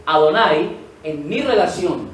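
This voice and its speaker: A man with a slightly high, lively voice speaks slowly over a faint hiss or hum. He is a pastor teaching a sermon, posing questions to the congregation, answering them himself, and repeating key words for emphasis. The recording sounds distant in an echoey room with faint ambience.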